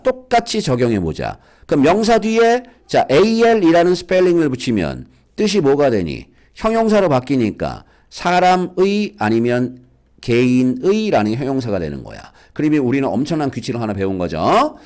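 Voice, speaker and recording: Lively man teaching English to children. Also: a little high, moderate pace. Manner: lively, coaxing, asks students questions. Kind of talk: lecture for school kids.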